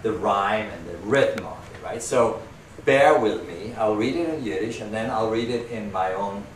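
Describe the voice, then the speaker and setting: A man's voice: lowish voice, moderate pace, recorded from a distance. Man, Danish accent, loose rambling party introduction, picked up from across an echoey room, faint hiss. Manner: rambling, self-deprecating, many fillers and restarts. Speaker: musician introducing a poem reading. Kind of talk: informal spoken introduction at a party.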